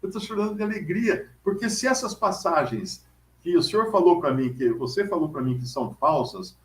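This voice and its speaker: A gentle, pious old woman speaks softly and pleadingly, put on by a man telling a story. Her voice sits a little higher than a plain man's and rings in a roomy space. She sounds humble and sincere. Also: lively intonation, moderate pace, a little hiss or hum, natural voice. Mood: joyful. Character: devout elderly woman, gentle and tearful. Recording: roomy echo.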